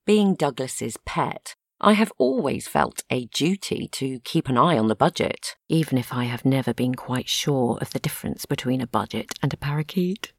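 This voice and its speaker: A woman's voice: rumbling low, expressive, moderate pace, few pauses, dry recording, full character voice. A woman narrating an audio drama in the first person with a dry, self-deprecating wit. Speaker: narrator and lead character.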